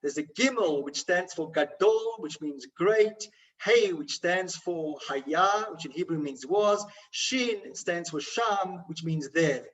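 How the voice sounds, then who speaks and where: A man, a rabbi, giving a holiday sermon with a story, speaking haltingly with many restarts and fillers. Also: sits high, expressive, recorded from a distance, poor audio.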